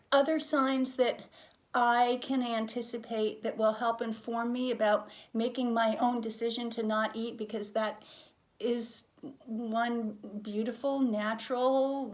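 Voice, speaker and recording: A woman speaking frankly and reflectively as she leads a candid, conversational interview, stressing her points. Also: on the high side. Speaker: interviewer and hospice patient.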